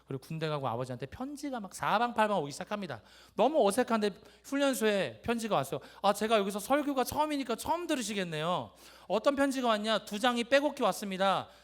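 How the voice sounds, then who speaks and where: A young man giving a church testimony, telling his story in a lively way and acting out his father's gruff lines. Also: sits high, fast, few pauses. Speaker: youth speaker giving a testimony. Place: church sanctuary.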